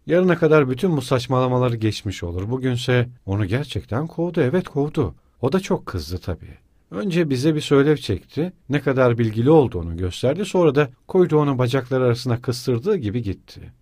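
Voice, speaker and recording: Guy voicing a pushy loyal young buddy, loud, blunt, lively pitch. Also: a little fast, no room sound, clean studio sound. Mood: blustering. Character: loyal, blustering young male friend.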